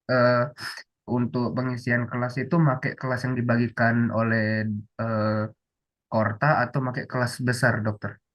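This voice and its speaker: A man's voice: mid-range voice, little pitch movement, a little slow, fairly bright tone. A student asking his lecturer a polite, hesitant question.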